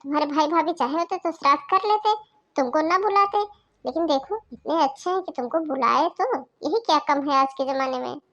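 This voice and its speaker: A woman voicing a kindly older mother-in-law in a cartoon, giving advice in a gentle, persuasive way. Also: high-pitched, fairly quick, muffled recording. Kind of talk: cartoon voice acting.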